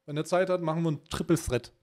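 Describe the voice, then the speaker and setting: A man's voice: a little high, rapid-fire. A man hosting a casual live-stream chat, joking in an ironic, teasing tone. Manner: ironic, teasing, lively banter. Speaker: streamer host.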